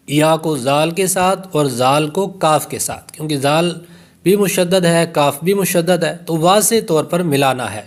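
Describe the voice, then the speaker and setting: Teaching beginners to recite the Quran, this Pakistani Urdu-accented man, his pitch slightly high for a man, explains each letter's rules at speed. Between explanations he recites individual words slowly, stretching each one out with care.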